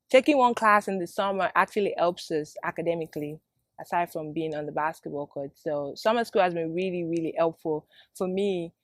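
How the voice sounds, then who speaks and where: A woman's voice: fairly low pitch, no echo, clean studio sound. A young woman from Nigeria, a student athlete talking steadily and linking thoughts with "so". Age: young adult. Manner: steady, repeating "so". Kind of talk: casual testimonial.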